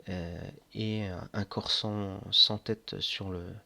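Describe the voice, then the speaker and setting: A man describing board game miniatures in a slow, hesitant casual commentary full of fillers. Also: low-pitched, flat delivery, creaky, sharp tone. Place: indoors at home near board games.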